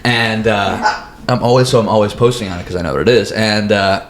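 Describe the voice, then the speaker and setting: A man with a fairly low voice rambles through an improvised comedy chat in a deadpan way, now and then jumping into loud bursts. A faint hiss of noise sits under his voice. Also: brisk. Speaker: comedy podcast guest playing a librarian.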